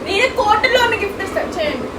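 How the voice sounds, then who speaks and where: A woman's voice: very high voice, expressive, very fast, reverberant, distant mic, background noise. A young woman, playfully defiant in a casual comedy skit.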